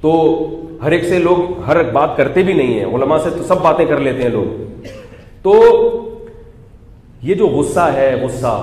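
A man giving a conversational religious lecture, animated, putting rhetorical questions to his audience and joking now and then. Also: mid-range voice. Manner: humorous asides that draw laughter. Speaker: Islamic scholar giving a weekly talk. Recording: echoey hall with faint background noise.

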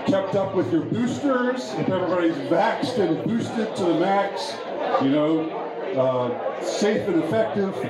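A man doing a stand-up set in a bar, talking in a halting, rambling way with many restarts. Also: high voice. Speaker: stand-up comedian. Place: bar with a pool hall. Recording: echoey bar with crowd behind.

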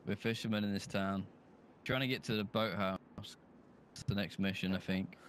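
A man chatting casually with friends while playing a game online, in a calm, matter-of-fact way with hesitant fillers. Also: sits low, normal speed, a little hiss or hum. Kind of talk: casual gameplay chat.

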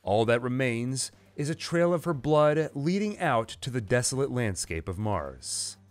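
A man narrates in a sing-song, unhurried mid-range voice with no echo, presenting a dramatized, scripted story recap as a host would. He voices the quoted dialogue within his narration as dramatic music and sound effects play under him.

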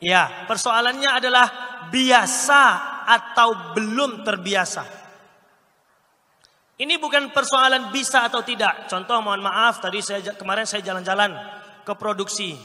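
A man from Sumatra coaching public speaking, lively and constantly quizzing his audience with quick questions. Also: high voice. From Sumatra, Indonesia. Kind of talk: interactive training talk. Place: training hall. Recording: long hall reverb.

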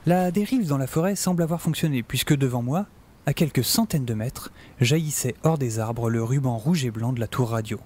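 A man with a medium-pitched, slightly mellow voice near his everyday one speaks a little fast, narrating a scripted first-person audio drama. He plays an optimistic, self-important middle-aged scientist and survivor in a wry, theatrical, musing manner, with music behind his voice.

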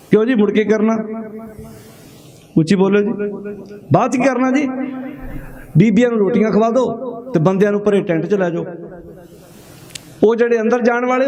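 Fiery high-voiced Punjabi preacher. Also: male voice. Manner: fiery, rhetorical questions, urging the crowd to answer. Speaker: Sikh preacher. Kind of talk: sermon to a congregation. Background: congregation.

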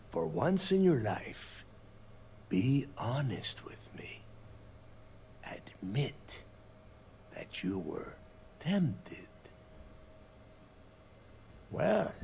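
An actor playing a cunning, bitter space pirate captain in a video game, sneering and taunting, dropping into hushed asides. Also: male voice, medium pitch, gravelly, a little hiss or hum, exaggerated voice. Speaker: game character.

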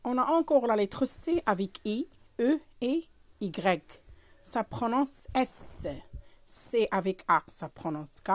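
A woman's voice: on the high side, animated, slow pace, no room sound. A woman teaching a French lesson to children, patiently going over each point again and checking in with "hein".

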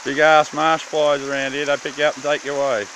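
Filming his bush campsite on a handheld phone or camera, an Australian man speaks a little fast in a slightly high voice with flat delivery. The casual tour is joking and slangy, with plenty of swearing. Clear background noise from outdoors runs through the clip.

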